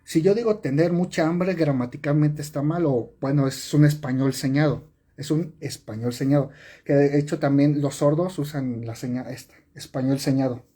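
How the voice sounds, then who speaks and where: This man's voice is a little high and warm, moving at a normal speed. He's teaching sign language live, walking through each step while repeating, self-correcting and filling gaps with plenty of fillers, all captured on a phone or webcam mic.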